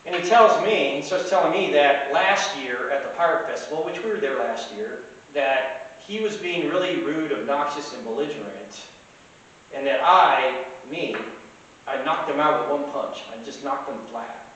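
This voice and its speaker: A man's voice: on the high side, moderate pace, fairly bright tone. A middle-aged man, a tavern keeper, telling a casual rambling anecdote full of restarts and fillers, recorded inside the tavern. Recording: very echoey, distant, faint hiss.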